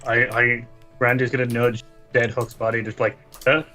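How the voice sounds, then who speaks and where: A man's voice: medium pitch, flat delivery, normal speed, pushed and bright, soft background music, rough recording. A man playing a tabletop game with jokey, casual banter.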